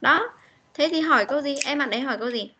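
A Northern Vietnamese woman teaching children over a video call, her high voice bright as she coaxes answers and repeats each question. She spells words out letter by letter. The sound is dull and lo-fi, like a meeting recording. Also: fast, a little hiss or hum. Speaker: English teacher. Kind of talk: online class teaching.

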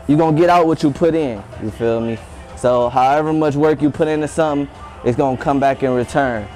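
A man's voice: fairly high pitch, mellow. A young American man giving a casual, slangy motivational talk to camera, repeating his catchphrase. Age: young adult. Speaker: fitness vlogger giving motivation. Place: small wood-panelled indoor room.

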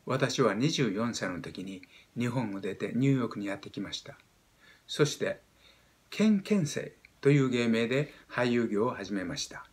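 A Japanese man in his seventies teaching pronunciation, explaining step by step and demonstrating sounds with animated emphasis. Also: medium pitch, moderate pace. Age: 70s. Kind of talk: explaining lesson.

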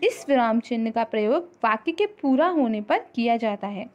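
A high-voiced woman teaches a grammar lesson, patient and methodical. She repeats each point and checks in with her students. The recording sounds a little dull and lo-fi. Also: lively intonation, normal speed, darkish tone. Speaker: school teacher.

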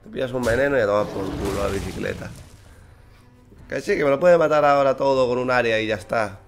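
Joven español cansado comentando una partida. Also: male voice, medium pitch, fast, faint music behind. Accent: Spain Spanish. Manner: chatty, swears often, teases the opponent. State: tired. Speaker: streamer. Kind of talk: casual gameplay commentary. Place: small room indoors.

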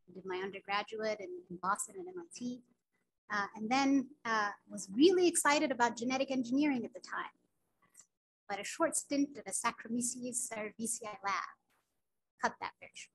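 This woman's voice sits on the high side and sounds a bit bright. A Sudanese physician with Arabic as her first language, she gives an earnest grand rounds lecture by video call, sharing personal stories full of filler words. The recording is rough.

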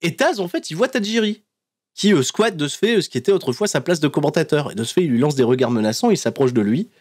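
A man hosting a podcast, recapping in a casual, animated storytelling way and laughing often between fillers. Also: fairly high pitch, quick pace, breathy edge. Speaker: podcast host recapping wrestling episodes.

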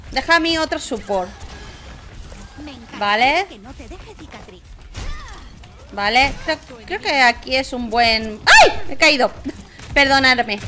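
A young woman from Spain with a Spanish accent, giving excitable live gameplay commentary and often shrieking and laughing. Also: high voice. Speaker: gaming YouTuber.

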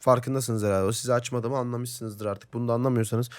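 A nineteen-year-old man with a hoarse, sore-throated voice, ranting and joking with heavy swearing while he plays a shooter. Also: mid-range voice, fairly even intonation, a little fast, soft background music. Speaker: gaming YouTuber. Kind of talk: casual gaming commentary.

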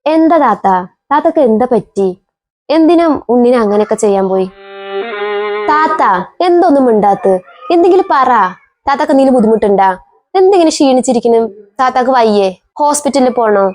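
A woman acting a gentle young sister-in-law in a family skit, asking concerned, coaxing questions. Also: high-pitched, lively intonation, a little fast, pauses often, faint music behind.

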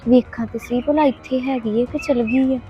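A woman's voice: very high-pitched, brisk, lo-fi sound, soft background music. A woman playing a young daughter-in-law who answers back to her mother-in-law. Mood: worried. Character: young daughter-in-law, defiant but worried. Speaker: actor. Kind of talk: village family drama acting.

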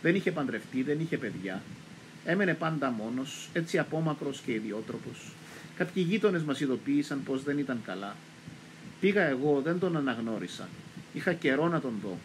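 A man with a Cypriot accent reading a literary text aloud in a calm, measured storytelling way. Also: mid-range voice, slight background noise, low-quality recording. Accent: Cypriot Greek. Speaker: literature reader.

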